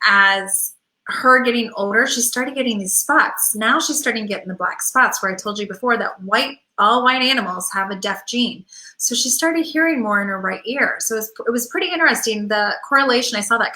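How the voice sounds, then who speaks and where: Bright-voiced woman telling rambling stories. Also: a little high, lively intonation, brisk. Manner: rambling storytelling with quoted asides. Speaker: pet healer and show host. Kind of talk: casual chat to viewers. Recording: echoey room.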